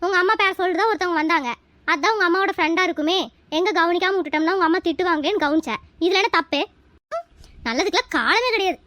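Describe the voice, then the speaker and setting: Cheeky high-voiced young daughter-in-law. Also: female voice, fast, no echo. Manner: lively, cheeky. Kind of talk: family comedy skit.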